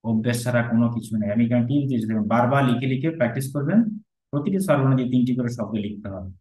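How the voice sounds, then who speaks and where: A man teaching a Sanskrit pronunciation lesson, slowly repeating words and often asking his students whether they follow. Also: mid-range voice, warm tone, reverberant, low-quality recording. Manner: drills words slowly, repeating them, asks checking questions.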